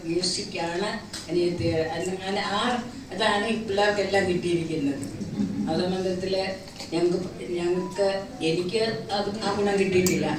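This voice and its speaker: A woman's voice: lowish voice, noisy background. A woman gives a reminiscing speech at a family celebration, telling stories. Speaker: guest speaker. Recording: echoey hall, far from the mic, crowd.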